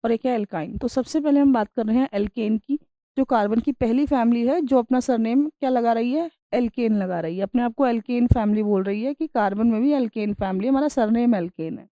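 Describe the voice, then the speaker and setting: A woman teacher's science lecture has her reading English lines slowly, then explaining them in Hindi through everyday examples, checking in with students throughout. Her voice is fairly high; there is no room sound and the highs are cut off.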